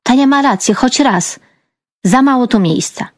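A woman's voice: fairly high pitch, expressive, a little slow, dry recording, pitched above the performer's own voice. A woman doing a stern scolding mother. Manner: scolding, commanding. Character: stern, strict middle-aged mother.

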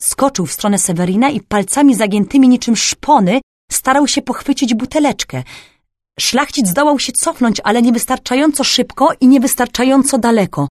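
A woman reading a fantasy audiobook in clear, even scripted narration. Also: on the high side, moderate pace, no echo, studio quality.

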